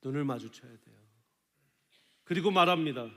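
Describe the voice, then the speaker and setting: Lively male pastor preaching in a big church, voice rings out with long reverb, swings all over in pitch. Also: moderate pace. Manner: animated preaching, acts out quoted voices. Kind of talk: sermon. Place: church sanctuary. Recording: live sermon in a large reverberant sanctuary.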